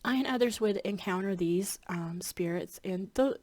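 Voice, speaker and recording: In a casual chat to camera, a spiritual hypnotherapy practitioner rambles to her viewers with many ums and restarts. Her mid-range voice moves at a moderate pace, a little mellow yet slightly scratchy and a little congested.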